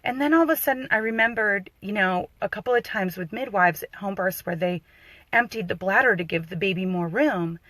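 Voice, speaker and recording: A doula telling a personal birth story, her voice emotional and close to tears, halting with frequent restarts. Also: medium pitch, a bit bright, no echo, poor audio.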